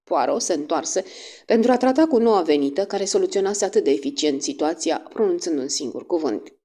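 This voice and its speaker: A woman narrating a classic detective audiobook with a measured, expressive reading. Her voice is low and dark, and her pitch moves in wide, lively arcs. The delivery is steady and scripted.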